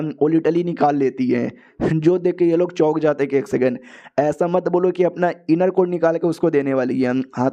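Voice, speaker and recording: A man's voice: on the high side, dark tone, lo-fi sound. Chatty young man recapping a story. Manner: chatty, addresses listeners as brother. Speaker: anime recap narrator.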